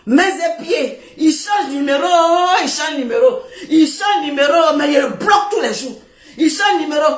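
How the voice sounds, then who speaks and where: A woman with a West African French accent scolding someone on a live video, loud and repetitive, laughing as she talks. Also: high-pitched. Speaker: social media personality. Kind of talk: heated live video rant. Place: seated on the floor indoors, filming herself. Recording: roomy echo.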